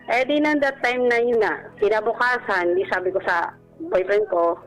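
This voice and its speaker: Calling a radio program, a woman from the Philippines in her thirties shares a personal story, speaking respectfully and conversationally with frequent polite particles. The audio is poor, her medium-pitched voice moving at normal speed over background music from the broadcast's music bed.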